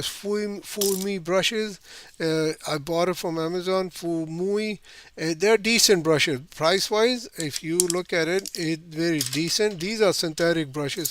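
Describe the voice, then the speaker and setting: A man's voice: on the high side, fairly bright tone. A man teaching a watercolor painting class, talking loosely through his steps with many fillers and frequent "right?" checks. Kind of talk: painting lesson demonstration.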